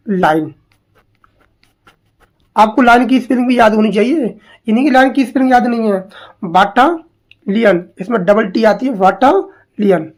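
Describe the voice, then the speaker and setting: A woman teaching English spellings to exam students, repeating each word slowly and asking questions as she goes. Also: a little high, darkish tone. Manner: slow, drilling, repeats words and asks questions.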